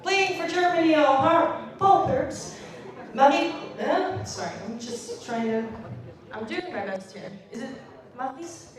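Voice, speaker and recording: An upbeat woman with a high voice introduces teams at a live ceremony, joking and tripping over foreign names. She is heard from a distance in a large, very echoey bowling hall. A loud crowd fills the space behind her. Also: animated, unhurried. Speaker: ceremony host.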